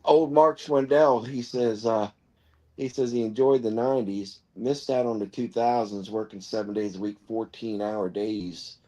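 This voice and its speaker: A man's voice: on the low side, fairly even intonation, measured pace, mellow. A man in his fifties hosting a casual live-stream chat, rambling through stories and chuckling often. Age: 50s.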